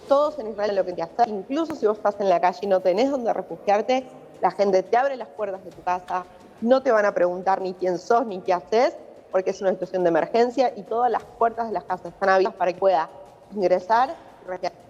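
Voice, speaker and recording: This foreign correspondent, a woman with an Argentine accent, talks fast in a medium-pitched, darkish voice while explaining a situation in a live news interview. The remote link is muffled and heavily reverberant.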